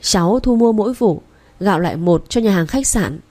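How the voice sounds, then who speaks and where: A woman's voice: mid-range voice, lively intonation, normal speed, darkish tone, lightly acted. A woman reading aloud voices a polite, friendly young woman buying rice. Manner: polite, courteous.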